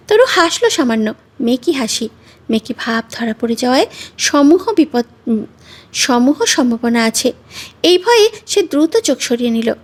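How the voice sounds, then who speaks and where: A woman storyteller giving expressive, measured narration of a romantic story. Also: sits high.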